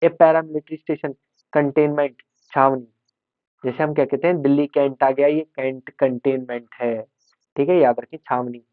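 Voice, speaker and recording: A man's voice: mid-range voice, fairly even intonation, normal speed, no room sound. A male teacher giving an exam-prep lesson, explaining terms and repeating words to drill them. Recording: dry, tinny phone-like sound.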